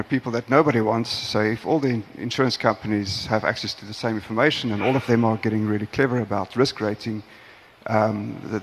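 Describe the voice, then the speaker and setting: A man in the audience asking two questions at a conference in a formal, deliberate way. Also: fairly low pitch. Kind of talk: question from the floor. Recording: long hall reverb.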